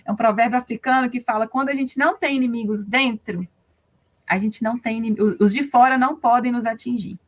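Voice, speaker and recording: Woman, host, fairly high voice, reflective, explains with images, casual interview. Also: a little fast.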